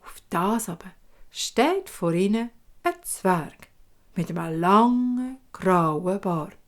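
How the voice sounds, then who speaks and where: Swiss German woman narrating a fairy tale, gentle, unhurried, middle-pitched. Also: animated. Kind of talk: storytelling.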